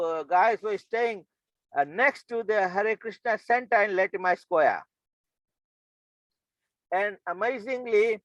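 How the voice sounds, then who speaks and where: A man's voice: sits high, a bit bright, dry recording, highs cut off. A man from Fiji telling his life story as a guest speaker, hesitant, with many fillers and restarts. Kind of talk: personal storytelling.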